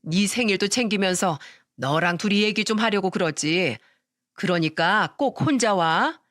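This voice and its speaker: A woman playing a grasping, domineering mother-in-law in a storytelling radio drama, loud and drawn-out as she demands things. Her words stretch slowly and sound a little set back from the mic. The recording is dry. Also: mid-range voice, animated, dry recording. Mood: scheming.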